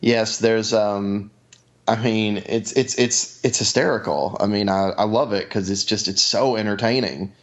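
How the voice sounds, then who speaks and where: A man co-hosting a podcast, chatting excitably about a film with many restarts. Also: on the low side. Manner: excitable, halting, repeats words. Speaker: podcast co-host. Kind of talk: casual chat about films.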